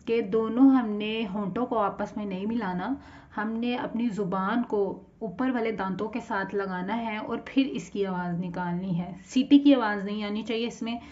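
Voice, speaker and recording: This children's Quran reading teacher has a medium-pitched, slightly mellow voice and a Pakistani Urdu accent. In her slow lesson she draws out the letter sounds, repeats them patiently, and shows how to shape the mouth. The sound quality is dull and lo-fi.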